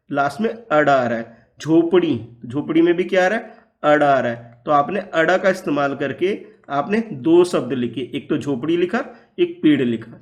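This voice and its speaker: A man teaching young children, patiently repeating words and asking questions back. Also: a little high. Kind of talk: classroom lesson for young children.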